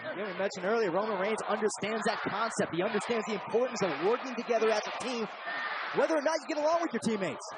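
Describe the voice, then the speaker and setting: A man with a high voice delivers wrestling color commentary at a quick clip. A very loud arena crowd fills the space behind him. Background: noisy arena crowd.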